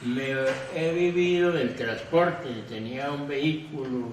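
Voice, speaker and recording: An older man in his sixties, interviewed for a documentary, speaks slowly and haltingly. He sounds set back from the mic in a very echoey space. A noisy recording hums behind him. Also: fairly high pitch, distant mic. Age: 60s.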